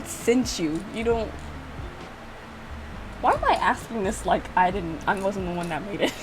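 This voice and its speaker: Casually commenting on her own visual novel, a female video creator giggles and pokes fun at herself while reading bits aloud. Her voice sits on the high side, with music and background noise behind it.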